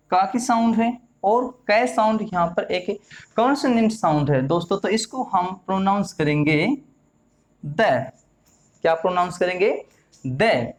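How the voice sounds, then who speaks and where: A man from India, teaching a lesson and often repeating key words and putting questions to his viewers. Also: high-pitched. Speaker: English teacher. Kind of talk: classroom-style lesson explanation.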